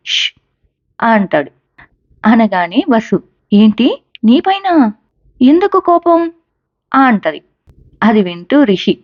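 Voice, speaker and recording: A woman reads a storybook tale aloud and acts out every character's lines with an expressive lift in her voice. The recording is dry and a little dull, with no room echo. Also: mid-range voice. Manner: expressive, lifts her voice for quoted dialogue. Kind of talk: storybook narration, voicing all characters.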